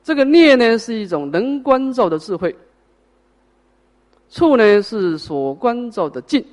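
A man's voice: very high-pitched, big pitch swings, a little slow, darkish tone. A man teaching a Buddhist sutra, explaining each point step by step and answering his own questions. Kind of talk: sutra lecture.

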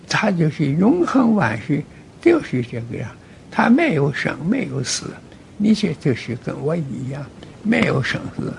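Male Buddhist preacher: gravelly, high-pitched voice, plain and repetitive teaching style, addresses the listener directly. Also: darkish tone. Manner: plain and repetitive, often starting with "哎"; talks straight to a listener. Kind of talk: Buddhist sermon.

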